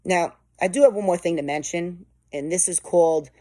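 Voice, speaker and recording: A woman's voice: lowish voice, normal speed, dark tone, no room sound. A woman giving an emphatic, motivational sales coaching lesson. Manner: emphatic and motivational, pushes with intensity. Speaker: sales trainer. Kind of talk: instructional sales coaching talk.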